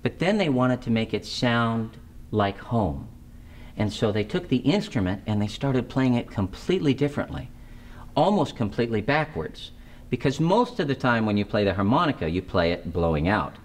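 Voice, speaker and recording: A man telling stories in an interview, halting and restarting often with many fillers. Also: mid-range voice, big pitch swings, background noise. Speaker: harmonica player and singer interviewed. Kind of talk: interview storytelling.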